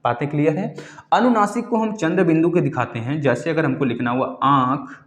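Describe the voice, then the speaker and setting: Male grammar teacher, fairly high voice, drills and quizzes his class, roomy echo. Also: brisk. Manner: repeats key words, quizzes students, calls them "beta". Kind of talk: exam-prep lecture. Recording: echoey room.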